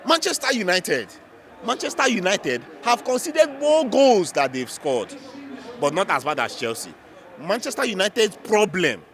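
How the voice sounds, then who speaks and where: A man's voice: on the high side, a bit bright. A man with a Nigerian accent giving unscripted football reaction as a fan, emphatic and repeating phrases for effect.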